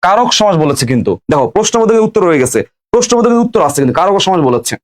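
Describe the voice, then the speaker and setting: A man's voice: high voice, very animated, rapid-fire. A young man teaching a live online grammar class, repeating each question and answer as he quizzes students.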